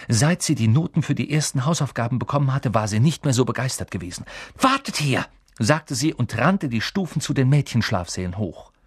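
A man narrating an audiobook with lively storytelling. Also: fairly low pitch, slightly rough, dry recording, clean studio sound. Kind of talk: scripted narration.

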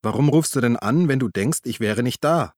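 A man voicing a gruff, weary male police detective who answers tersely. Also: medium pitch, animated, normal speed, darkish tone, no room sound, clean studio sound, natural voice. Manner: grumbling, terse.

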